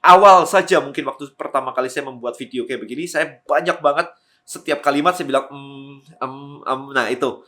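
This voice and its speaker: A man talking quickly and energetically to camera, giving tips on making content. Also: a little high. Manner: fast-talking, lively, energetic. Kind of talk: energetic how-to talk to camera.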